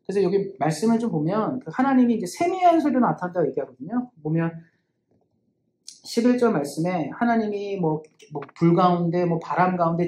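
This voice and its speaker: A woman's voice: on the low side, dark tone, roomy sound, a little hiss or hum. A woman pastor preaching a sermon in church in an earnest, conversational way, asking rhetorical questions.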